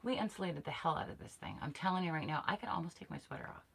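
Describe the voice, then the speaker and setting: A middle-aged woman co-hosts a relaxed camping live stream from inside a small insulated camper, chatting and laughing often. Her lowish voice is gravelly and husky with a fairly bright tone, and she speaks very fast. A fixed camera frames her and another person sitting on a bench.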